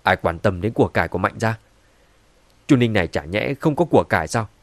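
A man voicing a sharp-tongued, scheming grandmother who mocks and scolds, in a dry-sounding audiobook reading. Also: on the low side, animated, a little fast, no echo. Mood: angry. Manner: scornful, mocking.

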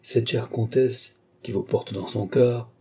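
A man's voice: medium pitch, fairly even intonation, takes it slowly, mellow, husky. A man reading as an earnest, defensive duke. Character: proud anxious duke, nephew. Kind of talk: audiobook character reading.

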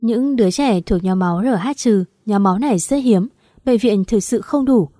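A woman's voice: mid-range voice, normal speed, mellow, no echo, clean studio sound, close to an everyday voice. A woman reading the part of a serious male hospital doctor in a storybook narration. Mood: grave. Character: grave male hospital doctor, sweaty and urgent.

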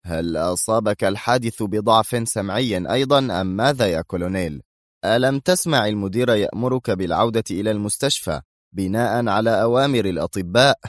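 A man's voice: fairly low pitch, a little fast, no echo, clean studio sound, close to an everyday voice. A man voicing an irritable, spiteful male general in a storybook reading. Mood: irritable, resentful. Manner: nervous, resentful.

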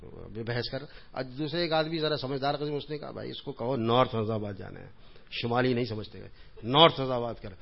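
A man's voice: mid-range voice, gravelly. A man giving an informal religious talk in a mosque, telling humorous anecdotes in a chatty way and chuckling at his own jokes. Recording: dull lo-fi recording.

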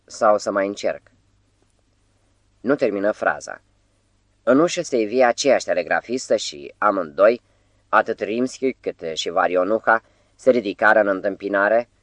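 Guy reading an audiobook, deep voice, dry close sound, steady pace. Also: no room sound. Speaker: audiobook narrator. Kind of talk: literary audiobook narration.

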